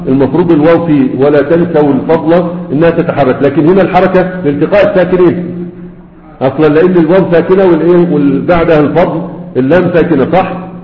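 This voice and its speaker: A man with an Egyptian accent gives a classroom grammar lesson at a quick clip, in a slightly raised voice. He keeps asking the class questions and answering them himself. The sound is tinny and thin, with a long hall echo behind it. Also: a little high. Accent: Egyptian Arabic. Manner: explains step by step, asks and answers his own questions. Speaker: grammar teacher. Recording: echoey hall over tinny phone-like sound.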